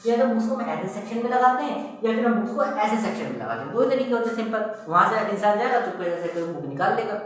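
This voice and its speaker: This maths teacher speaks quickly in a high-pitched voice with lively intonation and few pauses, walking through a whiteboard lesson step by step. He answers his own questions to the class and repeats "okay" and "simple thing." The mic is distant in a very echoey room with a little hiss or hum.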